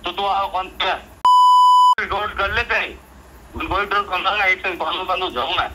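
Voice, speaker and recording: A retired soldier with a Rajasthani accent argues heatedly over the phone, insistent, repetitive and threatening. His voice is high-pitched at a normal speed, recorded through a telephone on a noisy call.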